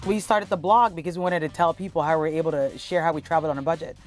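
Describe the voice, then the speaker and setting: Woman from cameroon, thirties, lowish voice, casual chatty interview, soft music behind. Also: racing. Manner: relaxed, chatty, with many fillers. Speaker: travel blogger and content creator. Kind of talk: documentary interview.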